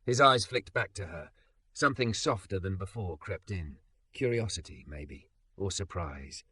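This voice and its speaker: A man narrating a story in a scripted, expressive reading. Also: low-pitched, a little slow, breathy edge.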